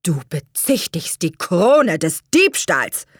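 A woman's voice: fairly low pitch, big pitch swings, takes it slowly, no echo, clean studio sound, exaggerated voice. A woman voicing a stern, proud, scornful wealthy father in an audiobook reading, harsh and scolding.

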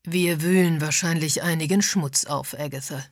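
A woman reading an audiobook, voicing a polite gentleman with a dry wit. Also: sits low, moderate pace, no room sound.

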